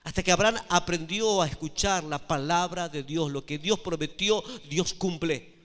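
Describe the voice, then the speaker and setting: High-voiced pastor preaching in a reverberant hall. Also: male voice, fairly bright tone. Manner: emphatic preaching with repeated phrases and questions to the congregation. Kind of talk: sermon.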